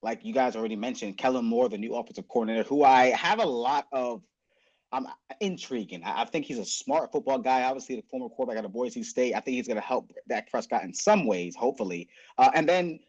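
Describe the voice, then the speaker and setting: A man's voice: mid-range voice, lively intonation, fast, a little mellow, breathy edge, lo-fi sound. A man co-hosting a casual football podcast, loose and rambling as he gives his pick. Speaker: podcast co-host. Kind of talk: casual sports podcast chat.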